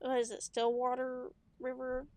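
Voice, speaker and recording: In a high, monotone, slightly mellow voice at normal speed, a young podcast co-host chats about her family, laughing often and acting out quotes like a chatty storyteller. There's no room sound.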